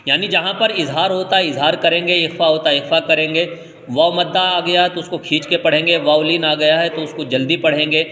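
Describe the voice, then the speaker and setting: A man from India teaching Quran reading, spelling out letters slowly and then explaining the rules quickly. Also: fairly high pitch, steady tone, sharp tone, in a large hall. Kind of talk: step-by-step recitation lesson.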